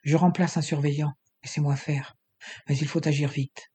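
A man doing a hushed, urgent rescuer posing as a prison guard. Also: fairly high pitch, flat delivery, slightly rough. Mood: reassuring instructions. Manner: hushed, quick instructions.

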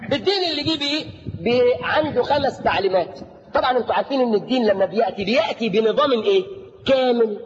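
A man with an Egyptian accent preaching a sermon. He mocks his opponents with shouted outbursts and asks rhetorical questions that leave the last word for the audience. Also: very high voice. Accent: Egyptian Arabic. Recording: dull lo-fi tape in a reverberant hall.

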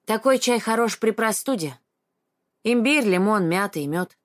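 A woman voicing a cheerful, easygoing male hiker who talks in a hearty, loud way. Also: medium pitch, animated, normal speed, natural voice.

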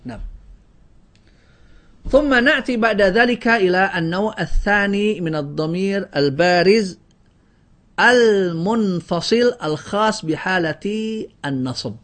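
A man's voice: high-pitched, lively intonation, measured pace, pauses often, a bit bright. A man teaching a grammar lesson to a class, drilling word lists and quizzing students with questions. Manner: often breaks off and restarts words.

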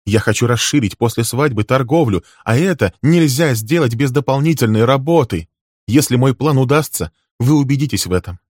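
A man voicing a carefree middle-aged businessman who talks in a bright, laughing tone. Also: medium pitch, expressive, brisk, dry recording, clean studio sound, pitched above the performer's own voice, lightly acted. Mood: amused.

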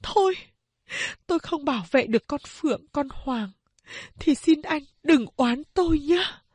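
A woman's voice: lively intonation, a little slow, darkish tone, no room sound. A woman voicing a desperate elderly mother, speaking in an urgent, pleading way. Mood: tearful pleading. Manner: urgent pleading, high and strained. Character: elderly mother, frantic and tearful.

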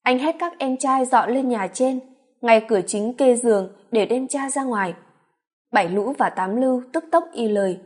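A woman narrating a dramatic family story in a steady storytelling manner. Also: a little high, moderate pace. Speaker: audiobook narrator.

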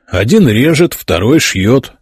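A man's voice: medium pitch, big pitch swings, takes it slowly, husky, no room sound, clean studio sound, pitched above the performer's own voice, exaggerated voice. A man voicing a blunt, crude king who grumbles in a folksy way. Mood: grumbling.

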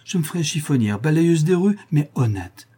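Give me a man performing a heartbroken young woman prisoner in a storybook, high and raw, breathy with tears. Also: fairly even intonation, brisk, warm tone. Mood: proud. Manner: sobbing, pleading, fierce pride. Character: tearful young woman prisoner, expecting a child.

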